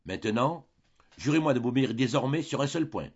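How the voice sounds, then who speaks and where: A man's voice: medium pitch, lively intonation, brisk, a little mellow, breathy edge, dull audio, pitched above the performer's own voice. A man reading a shaken young countess. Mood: grave.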